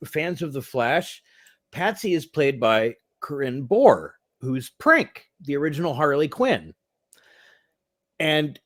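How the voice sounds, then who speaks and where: A man's voice: fairly high pitch, a bit bright. An American man co-hosting a movie review in casual, enthusiastic chat. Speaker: movie review podcast co-host.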